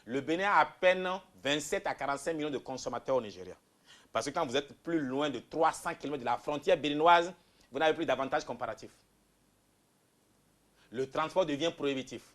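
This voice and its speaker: A man from Benin speaks, laying out his program as a candidate in an interview. His voice sits fairly high. He presses hard on key points with loud bursts, then drops into quieter asides. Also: fairly quick. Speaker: political candidate guest. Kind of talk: interview answers, campaign pitch.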